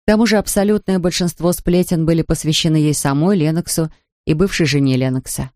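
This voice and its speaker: An audiobook narrator reading a novel in a calm, even manner. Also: medium pitch, a little fast, dry recording, studio quality. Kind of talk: scripted narration.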